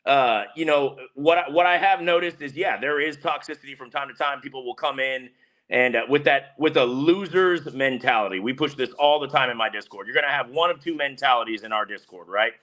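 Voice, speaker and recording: A man's voice: medium pitch, fairly quick, fairly bright tone. A man co-hosting a betting podcast in casual chat, blunt and fired up, ranting with swearing.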